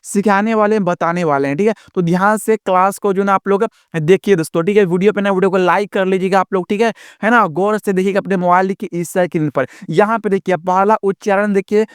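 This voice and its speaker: High, clear-voiced man teaching a lesson. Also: fairly even intonation, dry recording, clean studio sound. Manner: repetitive, drawn-out classroom explaining with many fillers. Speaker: English teacher. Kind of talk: casual spoken lesson.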